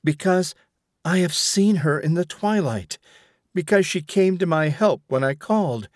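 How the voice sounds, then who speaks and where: A man's voice: high voice, expressive, measured pace, dry recording, clean studio sound, pitched above the performer's own voice. A man reading aloud as a haunted young rebel who tells his ordeal in earnest, dramatic first person. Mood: vehement. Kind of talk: audiobook reading.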